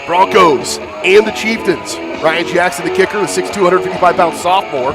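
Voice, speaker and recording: A man doing live high school football commentary with a thick smoker's rasp, congested from hay fever. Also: normal speed, over music. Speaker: play-by-play announcer. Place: outdoor football stadium broadcast.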